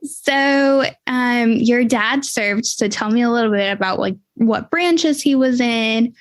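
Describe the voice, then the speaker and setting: A woman's voice: on the high side, slow pace, dry recording. A woman hosting a podcast interview, upbeat and chatty with lots of fillers. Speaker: podcast host.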